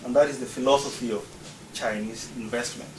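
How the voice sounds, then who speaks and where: Speaking a little fast with fairly even intonation, a man from Uganda gives a prepared, explanatory talk that lists his points one by one. His middling-pitched voice comes from a distant mic, the room echoes noticeably, and a faint ambient hum sits behind him.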